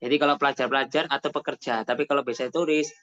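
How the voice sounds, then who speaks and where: A man's voice: mid-range voice, steady tone, racing, a bit bright. Chatty man teaching Arabic, lo-fi. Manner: chatty, tells personal anecdotes, mixes in Arabic phrases. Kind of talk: casual teaching chat.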